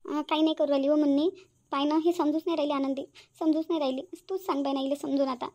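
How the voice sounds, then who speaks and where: A woman's voice: high voice, fairly even intonation, fast, mellow, close to an everyday voice. A woman voicing a worried, weary village mother in a cartoon, scolding and fretting. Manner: fretful, scolding, sighing complaints. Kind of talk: cartoon voice acting.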